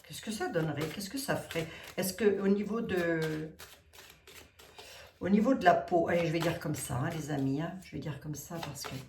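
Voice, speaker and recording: A woman's voice: low voice, moderate pace, darkish tone, far from the mic, slight background noise. A woman with a Lorraine accent, a tarot reader talking casually to her viewers in a chatty, teasing way that laughs at herself. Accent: Lorraine French. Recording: roomy sound from away from the mic.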